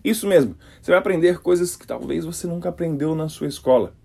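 An English teacher from Brasília, a man with a Brasília Portuguese accent, hosting an energetic podcast lesson. His voice sits a little high, with a gravelly, husky edge. He demonstrates sounds with exaggerated, animated delivery. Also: fast. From Brasília, Brazil.

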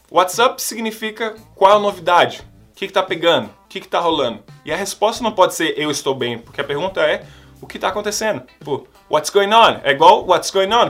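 Lively bright-voiced male English teacher. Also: high voice. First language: Portuguese. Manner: lively, playful, models English phrases. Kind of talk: casual video lesson.

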